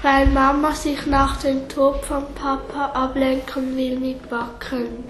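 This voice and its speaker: Earnest caring girl read by a woman, high voice, plain storybook reading. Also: completely flat delivery, takes it slowly, echoey room, slight background noise. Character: caring girl, granddaughter of a forester.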